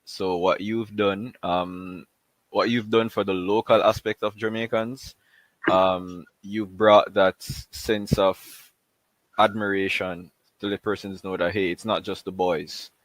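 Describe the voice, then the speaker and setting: A man talking as a guest, hesitant, with many pauses and ums. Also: deep voice, little pitch movement, no room sound.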